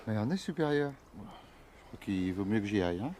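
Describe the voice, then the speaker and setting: An actor playing a polite but smug customs officer in a film scene. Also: male voice, on the low side, very animated, moderate pace, noisy background.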